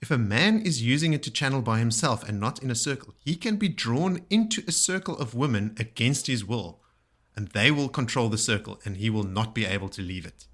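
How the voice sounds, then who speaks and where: A man's voice: mid-range voice, animated, brisk. A man hosting a podcast in a casual chat, recapping at length with enthusiasm and many fillers. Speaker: podcast host.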